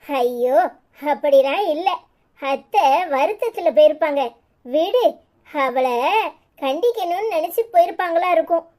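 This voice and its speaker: A woman voicing a calm, reassuring young woman in a cartoon, with a Tirunelveli Tamil accent and a soothing manner. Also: very high voice, a little slow.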